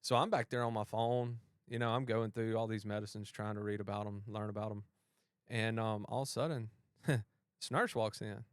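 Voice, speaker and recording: In a clean studio recording with no room sound, a man with a fairly low, clear and resonant voice speaks at a moderate pace. He's a police officer hosting a podcast, casually retelling a personal story with animation and voicing each person in the exchange.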